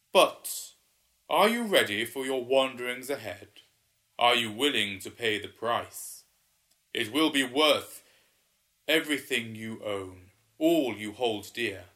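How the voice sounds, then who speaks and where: A man voicing a grand old male water spirit in a storybook, who speaks loudly and slowly in stately pronouncements. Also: mid-range voice. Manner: loud, slow, stately pronouncements.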